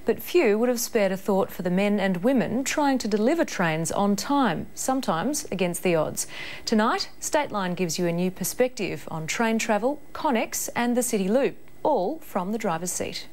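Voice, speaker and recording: A woman news presenter with an Australian accent reading a scripted introduction in a smooth, measured way. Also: medium pitch, animated, darkish tone. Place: television studio.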